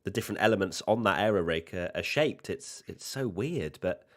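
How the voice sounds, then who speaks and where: Lowish-voiced man hosting casual live commentary. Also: animated, moderate pace. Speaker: livestream host and motorsport commentator.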